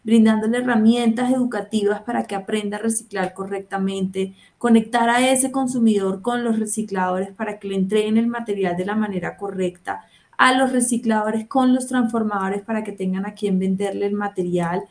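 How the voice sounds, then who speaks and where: A woman's voice: mid-range voice, moderate pace, a little mellow. A young woman from Colombia's Caribbean coast, with a Caribbean Colombian Spanish accent, answering as a guest in a radio interview. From Barranquilla, Caribbean coast of Colombia. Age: young adult. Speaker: interview guest, NGO director.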